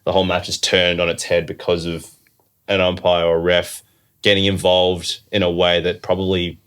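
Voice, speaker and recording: A man on a podcast, talking in a measured, reflective way and often hedging with "I think". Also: deep voice, monotone, fairly bright tone, smooth. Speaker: podcast co-host. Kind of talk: casual chat.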